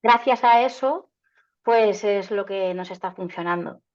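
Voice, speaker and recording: A woman's voice: medium pitch, unhurried, darkish tone. A woman, a marketing agency founder from Canada, answering interview questions in a chatty way with many fillers and restarts. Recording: slightly dull lo-fi sound.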